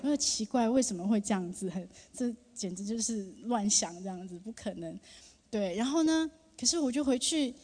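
A woman in her thirties giving a personal testimony to a church congregation, speaking earnestly with emotion and halting often with fillers. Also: fairly high pitch, animated, dark tone. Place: church sanctuary. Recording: long reverb of a large hall.

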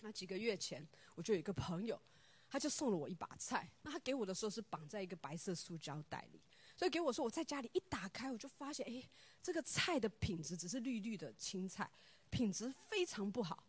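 Woman devotional speaker, animated storyteller who acts out dialogue, dry close sound. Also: mid-range voice, quick pace, husky, dry recording. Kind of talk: personal devotional talk.

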